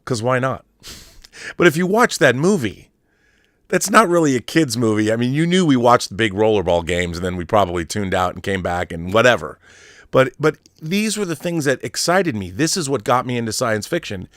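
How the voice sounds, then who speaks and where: An American man in his fifties hosts a show, delivering a casual, opinionated monologue on pop culture. His mid-range, slightly bright voice is emphatic and nostalgic, repeating phrases for stress, in a studio-quality recording with no room sound.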